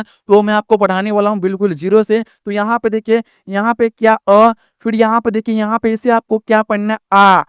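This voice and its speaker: An online tutor with a smooth, high-pitched voice teaches viewers a lesson, stretching out vowels to show pronunciation. He's repetitive and keeps checking in with the class using "ठीक ना." The audio is studio quality with no room sound.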